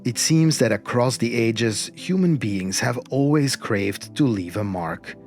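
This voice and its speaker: A man narrating an expedition documentary in a measured, reflective and earnest way, as its host. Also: mid-range voice, animated, a little mellow. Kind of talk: scripted documentary-style narration. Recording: music behind the voice. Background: music.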